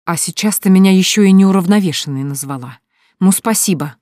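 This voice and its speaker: A woman's voice: medium pitch, fairly quick, mellow, no room sound, clean studio sound, pitched above the performer's own voice, lightly acted. A woman voicing a sensitive young woman who answers defensively and with indignation. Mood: indignant. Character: touchy, softhearted young woman.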